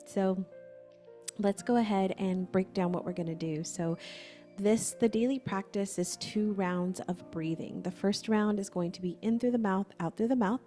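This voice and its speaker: A woman facilitator giving gentle, conversational instructions for a breathwork session, often saying "like". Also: mid-range voice, normal speed, soft background music.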